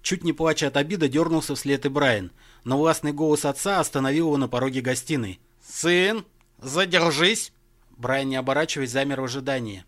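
A man reading an audiobook in a measured, lightly ironic storytelling manner. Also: mid-range voice, steady tone. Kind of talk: audiobook narration.

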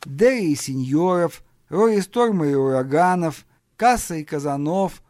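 A man's voice: fairly high pitch, measured pace, dry recording, clean studio sound, pitched above the performer's own voice. A man reading the part of an eager, persuasive young musician in an audiobook. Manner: excited, persuasive.

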